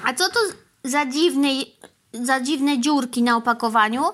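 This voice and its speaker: A woman's voice: unhurried, a bit bright. A woman voicing an injured, pleading mother cow who moos between words in a children's storybook reading. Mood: plaintive. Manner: lowing "moo" interjections, plaintive.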